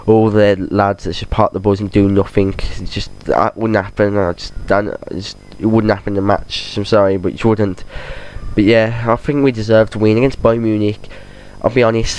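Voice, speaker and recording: A man's voice: lowish voice, a little mellow, clear, resonant tone. A man with a cold, chatting casually and rambling over game footage, often restarting his sentences as he talks about football. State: has a cold. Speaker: gaming channel host.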